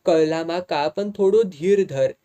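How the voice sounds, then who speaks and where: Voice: medium pitch, takes it slowly, warm tone, lightly acted. A reader voicing a teasing, evasive young village woman with a Malvani accent in an audiobook. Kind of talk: audiobook dialogue reading.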